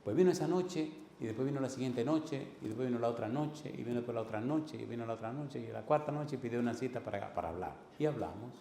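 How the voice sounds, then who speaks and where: A man's voice: medium pitch, fast, vocal fry, few pauses, warm tone, slight background noise. Man preaching, repeating questions. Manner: repeats phrases and asks the congregation questions. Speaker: pastor. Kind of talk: sermon. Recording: roomy hall with faint ambience.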